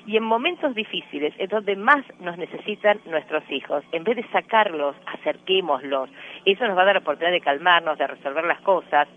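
A man with a Rioplatense Spanish accent and a notably high-pitched voice explains parenting ideas in an earnest, lecturing way. He is a radio interview guest, heard over a thin, tinny phone line. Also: animated, a little fast.

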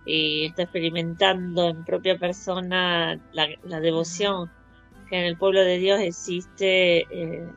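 A woman's voice: on the low side, level tone, a little slow, lo-fi sound. Woman radio host with faint music behind. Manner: hesitant, many fillers. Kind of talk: radio interview.

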